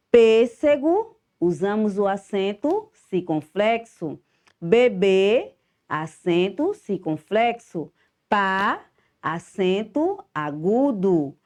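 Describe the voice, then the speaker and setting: A woman's voice: mid-range voice, darkish tone. A middle-aged woman teacher with a Brazilian Portuguese accent, giving a home-school lesson to children, affectionate and emphatic, stressing each syllable.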